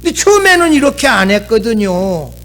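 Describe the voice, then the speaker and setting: A middle-aged man, preaching a sermon as pastor in an animated way, acting out quoted lines. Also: sits high, brisk, faint music behind.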